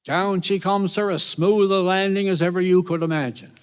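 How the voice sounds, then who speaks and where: A man with a Newfoundland accent telling a folk tale live at a concert, lively and folksy. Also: high-pitched, moderate pace, smooth. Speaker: storyteller. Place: concert venue, with audience. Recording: reverberant live concert hall.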